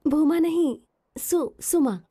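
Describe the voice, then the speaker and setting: A spirited young medical student. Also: female voice, high-pitched, slow pace, dark tone. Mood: polite. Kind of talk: Hindi film dub.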